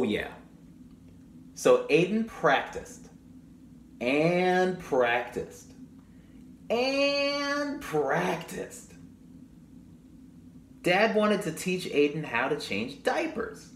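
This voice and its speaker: Extremely slow, with long pauses and big swings in pitch, a young man's slightly high voice brings a picture book to life for children, adding chatty remarks to his young listeners. The room echoes, and background noise is audible.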